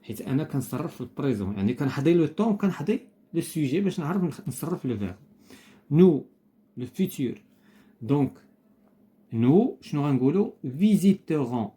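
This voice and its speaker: A man with a Moroccan accent explaining a primary school lesson, slowing down to spell out phrases carefully. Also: on the high side, sing-song, dark tone. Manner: switches between Moroccan Arabic and slow, deliberate French. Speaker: teacher.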